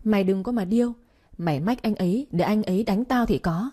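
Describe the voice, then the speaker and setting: A woman voicing a spiteful young sister-in-law with a shrill, sour tone who is loud and accusing. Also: fairly quick, lightly acted.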